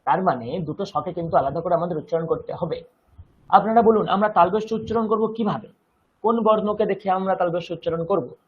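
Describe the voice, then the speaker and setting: A man with a Bengali accent teaching a Sanskrit lesson, speaking slowly and deliberately and chanting verses syllable by syllable. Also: sits high, slightly rough, highs cut off. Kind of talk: online language lesson.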